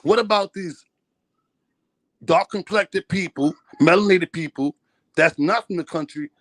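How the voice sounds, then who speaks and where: A man's voice: sits high, unhurried, fairly bright tone, no echo. A man in a heated debate, insistent and talking over the others.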